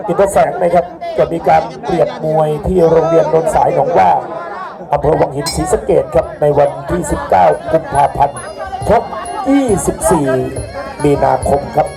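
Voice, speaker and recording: A man giving excited live Muay Thai commentary and announcements in short, exclamatory calls. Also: fairly high pitch, creaky. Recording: loud music and crowd, outdoor event.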